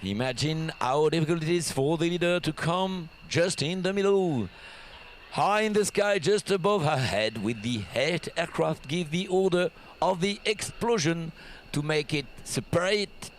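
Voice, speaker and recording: A man's voice: a little high, a little slow, slight background noise. A man with a French accent giving live airshow commentary, explaining each formation in an admiring, showy way.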